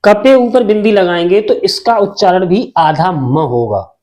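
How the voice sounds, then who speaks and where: A man's voice: high-pitched, lively intonation, measured pace, a little mellow. A man teaching Hindi spelling, drawing out and repeating syllables and answering his own questions. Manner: asks a question and answers it himself. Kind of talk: slow spelling lesson.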